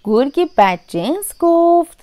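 A woman reads a children's fairy tale aloud in a lively, sing-song way. Her voice sits a bit higher and swoops expressively as she tells it. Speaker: storyteller. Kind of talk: storybook narration.

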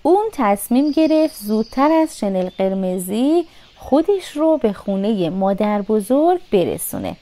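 A woman narrating a children's fairy tale with expressive, sing-song storytelling. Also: mid-range voice.

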